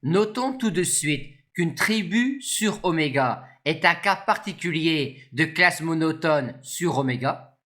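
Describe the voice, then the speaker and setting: A lecturer giving a scripted maths explanation in a measured, formal manner. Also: mid-range voice, lively intonation, a bit bright. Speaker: mathematics lecturer.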